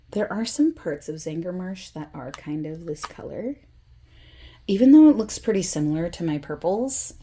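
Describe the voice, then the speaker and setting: A woman speaks softly into a close mic, lingering over each thought at a slow, easy pace. Her voice sits a little low and mellow. She rambles with giggly, self-deprecating asides. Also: a little hiss or hum. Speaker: makeup vlogger. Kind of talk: soft-spoken casual chat.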